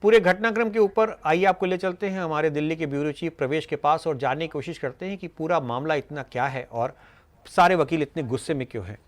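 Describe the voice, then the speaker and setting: A man's voice: on the high side, brisk. A male news anchor reading a report and putting formal questions to a reporter.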